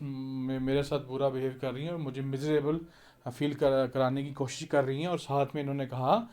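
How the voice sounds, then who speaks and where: A man teaching an English play. He reads each English line slowly, then explains it in Hindi with frequent fillers. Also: medium pitch, darkish tone.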